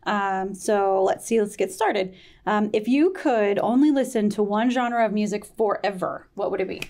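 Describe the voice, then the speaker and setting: A woman's voice: mid-range voice, normal speed, darkish tone. A woman hosting a podcast interview, asking questions in an upbeat way with frequent ums and light laughter. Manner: upbeat, laughs often, filler-heavy questions. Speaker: podcast host.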